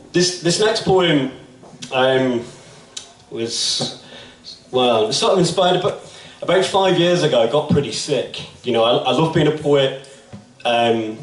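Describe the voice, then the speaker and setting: A man, a poet and teacher, chatting casually with plenty of swearing before reading his spoken-word poems live in a small bar. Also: medium pitch. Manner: casual, swearing, self-deprecating banter. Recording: roomy live sound from a distant mic.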